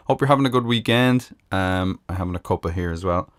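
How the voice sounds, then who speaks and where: This man with an Irish accent hosts a live music stream from a home room in Michigan, chatting casually and filling his talk with ums and uhs. His voice sits low and moves fairly quickly, captured on a close microphone with no room sound.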